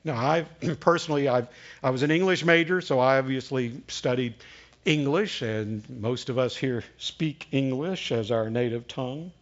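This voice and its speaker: In a muffled recording, a man in his sixties with a Southern American accent preaches a sermon at normal speed, his voice mid-range. The pastor tells stories in a folksy manner, often saying uh.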